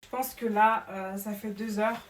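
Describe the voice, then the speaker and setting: Chatting to camera from her home, a young vlogger and new mother calls her viewers girls and fills her speech with fillers. Her medium-pitched voice keeps fairly even intonation at a measured pace, and her French carries a slight foreign accent. The recording has faint background noise and clicks.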